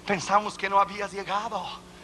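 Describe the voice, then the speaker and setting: A preacher doing a burly Soviet soldier, high and bright. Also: male voice, flat delivery, moderate pace, a little hiss or hum. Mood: friendly. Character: burly male Soviet soldier questioning a traveler.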